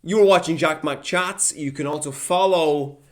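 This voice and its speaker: A man's voice: on the high side, normal speed. Chatty young man hosting a solo podcast. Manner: chatty, animated, drops into mock impressions. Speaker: podcast host. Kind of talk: casual solo podcast chat.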